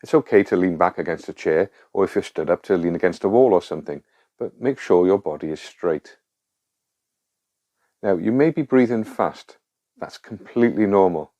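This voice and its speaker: Male guide for a calm grounding exercise: low-pitched voice, reassuring, gives clear step-by-step instructions. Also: moderate pace. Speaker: guide of a panic relief exercise.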